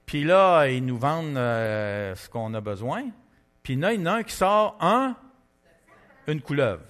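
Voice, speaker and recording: Québécois guy preaching, chatty storytelling, lots of filler words, mid pitch, long hall echo. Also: unhurried. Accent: Québécois French. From Quebec. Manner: lively conversational storytelling, many fillers. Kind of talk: testimony sermon.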